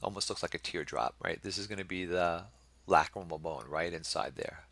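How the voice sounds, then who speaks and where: A man's voice: low voice, moderate pace, gravelly, a bit bright, no echo. A middle-aged man teaching anatomy over slides, explaining patiently and often checking in with the class. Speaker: anatomy instructor. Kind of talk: recorded lecture over slides.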